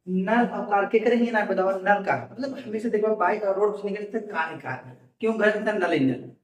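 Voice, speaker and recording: Man, vocabulary teacher, question-answer drills, echoey room, mic far off. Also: sits high. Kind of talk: exam-prep vocabulary lesson.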